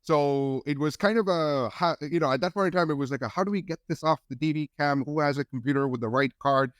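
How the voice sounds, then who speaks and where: A man in his forties from India, a guest on a podcast, telling his story in a relaxed, rambling way with many restarts. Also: a little high, quick pace, dry recording, studio quality. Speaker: guest film editor. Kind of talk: casual podcast interview.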